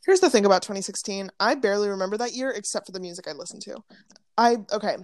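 A woman's voice: medium pitch, lively intonation, quick pace, crowd noise. Giggly teen girl chatting. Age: teens. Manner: giggly, rambling, slangy. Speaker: podcast co-host. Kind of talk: casual chat.

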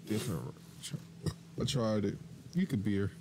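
A man's voice: on the low side, expressive, normal speed, a little mellow, a little hiss or hum. A man co-hosting a video game let's play, laid-back and answering in short casual replies.

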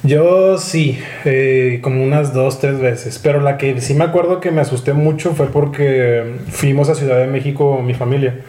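A man's voice: medium pitch, fairly even intonation, normal speed, hardly any pauses, dark tone, echoey room. A young man telling a story in laid-back, slangy speech. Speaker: podcast co-host. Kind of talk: casual storytelling among friends.

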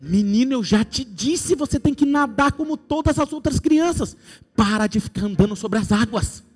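A man's voice: very high voice, animated, moderate pace, breathy edge, soft background music, full character voice. A man with a Brazilian Portuguese accent voicing a firm, loving mother who scolds her young son. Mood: scolding.

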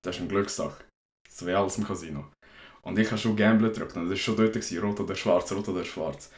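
A young man with a Swiss German accent hosts a casual podcast chat. He rambles through stories in a slangy way, and his voice is very low. The recording has a noticeable echo. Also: fast. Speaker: podcast host. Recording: echoey room.

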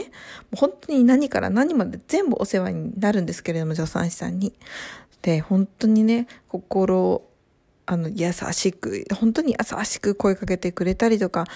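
A woman, a new mother, chatting casually to her viewers in soft, rambling sentences full of fillers and pauses. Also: medium pitch. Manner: trails off in long run-on sentences. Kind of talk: casual chat to camera.

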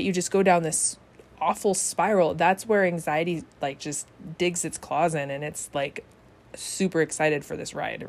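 A woman hosts a casual self-help talk in a slightly low, relaxed voice. She is chatty and laughs easily, tossing in "right?" as she goes. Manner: chatty, often asks "right?".

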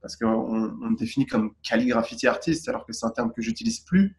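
Man from Tunisia, interview guest, thoughtful and measured, average pitch, roomy recording. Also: big pitch swings, gravelly. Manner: thoughtful, searching for words. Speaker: guest artist. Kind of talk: interview answers. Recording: roomy echo.

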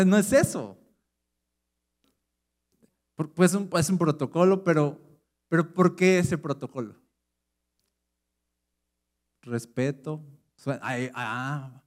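Mexican pastor, middle-aged man, conversational sermon delivery with rhetorical questions, slightly higher voice. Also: animated, takes it slowly, long pauses. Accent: Mexican Spanish.

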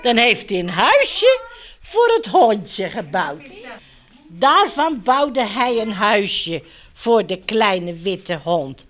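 Reading very slowly in a mid-range voice, a woman shares a picture book with children. Between page turns she talks to them directly in an animated way, as a children's story reader.

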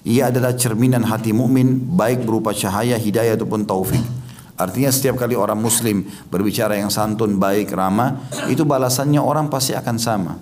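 Guy preaching, mid pitch, steady teaching talk, bit of faint noise behind. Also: brisk. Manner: explanatory, cites hadith numbers, recites Quran in Arabic. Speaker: Islamic preacher. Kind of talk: religious lecture.

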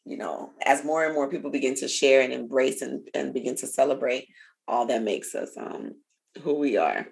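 A young woman from a Haitian family co-hosting a casual podcast, animated and laughing as she tells stories and acts out voices. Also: very deep voice, normal speed, creaky. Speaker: podcast co-host.

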